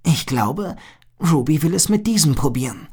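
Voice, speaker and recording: An eager young female animal, bold and excitable, as a male storyteller puts her on. The voice sits higher than his own and swings widely, with a husky edge. It sounds like a storybook read aloud. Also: moderate pace. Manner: raised pitch, eager questions. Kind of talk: storybook reading.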